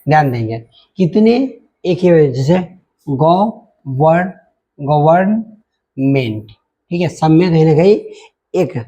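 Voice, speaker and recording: A man's voice: on the high side, animated, moderate pace, dark tone, muffled recording. A man teaching an English grammar lesson, spelling words out letter by letter and checking in often.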